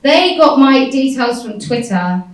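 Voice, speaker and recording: A woman's voice: high-pitched, expressive, a little slow, heavy background noise. A woman speaking on a panel, telling a story in a wry, defiant way and laughing often. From United Kingdom. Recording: echoey hall from far off.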